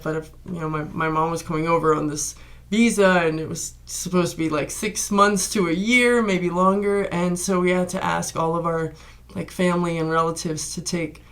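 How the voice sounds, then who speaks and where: A woman's voice: on the low side, a bit bright. A woman in her thirties, born in Hungary, telling stories in a chatty, upbeat way as an interview guest. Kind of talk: casual interview talk.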